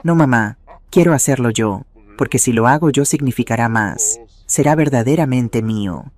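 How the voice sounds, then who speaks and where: A man's voice: medium pitch, lively intonation, moderate pace, a little mellow, lightly acted. A man doing an earnest grown son.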